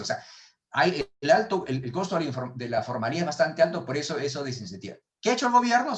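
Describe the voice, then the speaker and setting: Peruvian man lecturing with many restarts. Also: fairly high pitch. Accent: Peruvian Spanish. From Peru. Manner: hesitant, many restarts and repeated words. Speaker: economics professor. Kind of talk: webinar lecture answering questions.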